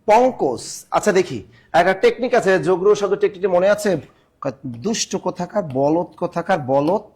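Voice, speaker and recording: A man teaching grammar in a live online class, urging students to answer fast and joking between questions. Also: sits high, animated, a little mellow, breathy edge. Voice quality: sings snatches of songs in class.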